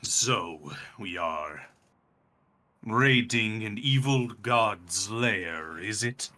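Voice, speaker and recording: Guy playing a formal old undead dragon, deep-ish voice, bright edge, slow lines. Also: lively intonation, heavily acted. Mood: calm. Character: ancient undead male brass dragon, calm, imposing.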